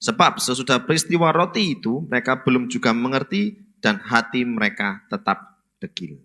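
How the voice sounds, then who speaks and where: Man reading scripture in a bright voice. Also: medium pitch, lively intonation, moderate pace. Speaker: scripture reader in church.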